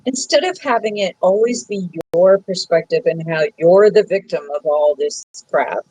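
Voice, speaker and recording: A woman hosting a psychic podcast, giving a frank, emphatic reading to a caller and scolding him gently. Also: fairly low pitch, moderate pace, no echo, low-quality recording. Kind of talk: casual live call-in reading. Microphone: phone app recording.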